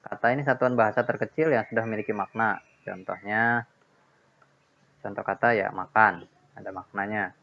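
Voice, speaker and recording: A man's voice: fairly low pitch, steady tone, normal speed, pauses often, pushed and bright. A man teaching a grammar lesson, explaining patiently and repeating key points with checks like "ya" and "nah". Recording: dull lo-fi sound.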